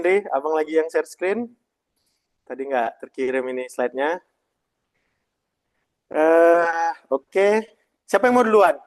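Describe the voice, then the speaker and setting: A man with a fairly high voice teaches a live presentation-skills workshop. He talks in a lively, emphatic way and keeps asking the audience whether things are clear. He is speaking in a meeting room to a live audience. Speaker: presentation trainer.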